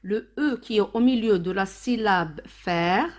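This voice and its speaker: A woman teaching a phonics lesson to children, speaking slowly and spelling out sounds syllable by syllable. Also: mid-range voice. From Morocco. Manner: slow, deliberate, syllable by syllable.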